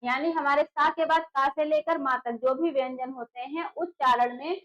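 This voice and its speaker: A woman with a high voice gives an exam-prep lesson at the board. She explains patiently, repeats key words and asks quick rhetorical questions that she answers herself. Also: steady tone, a bit bright, highs cut off. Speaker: Hindi teacher for exam prep. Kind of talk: classroom lecture at a board.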